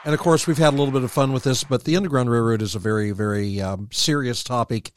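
A man's voice: mid-range voice, fast talker, slight background noise. A man working as a radio co-host, talking and reading announcements on air. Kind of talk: promotional announcement read and casual radio talk.

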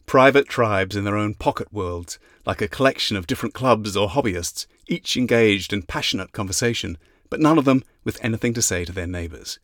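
A man narrating an audiobook in a measured, even reading. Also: fairly low pitch, no echo, clean studio sound. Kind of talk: scripted narration.

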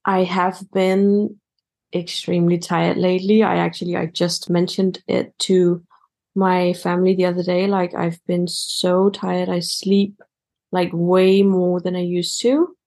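A woman's voice: on the low side, little pitch movement, a little slow, vocal fry, darkish tone. A woman guest who works as a coach, talking casually about her work with hesitant phrasing and frequent fillers. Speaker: guest, a coach and public speaker. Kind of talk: casual conversation.

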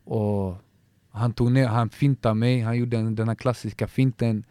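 A man with a mid-range, clean, dark voice and fairly even intonation tells an emotional story about a fight as an MMA fighter guest on a casual podcast. He halts, restarts often, and uses many fillers, in a dry recording.

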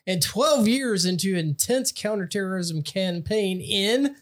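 Male co-host, higher pitch, unhurried, dry and sardonic. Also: lively intonation. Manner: sardonic, reads news items aloud. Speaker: podcast co-host. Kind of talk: casual political commentary.

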